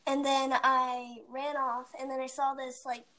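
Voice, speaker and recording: A woman's voice: sits high, level tone, unhurried, sharp tone. A teenage girl co-hosting a casual podcast, telling a rambling story with many fillers. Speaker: podcast co-host. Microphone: home mic, recorded remotely.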